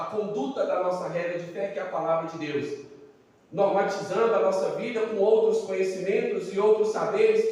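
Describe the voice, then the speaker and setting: A middle-aged man with a Brazilian Portuguese accent, preaching a sermon as a guest pastor in a church, with fervent, emphatic declamations. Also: sits high. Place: church sanctuary. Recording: echoey church hall from far off.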